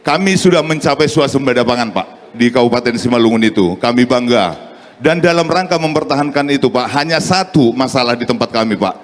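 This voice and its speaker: A man's voice: medium pitch, animated, fairly quick. A man from North Sumatra, a rice farmer, earnestly and respectfully petitioning an official. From North Sumatra, Indonesia.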